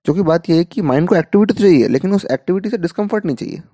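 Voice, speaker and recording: Man giving a mellow, dry motivational talk. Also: high-pitched, expressive, racing, breathy edge, no echo. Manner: explains with rhetorical questions, Hindi mixed with English terms. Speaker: mentor to exam students.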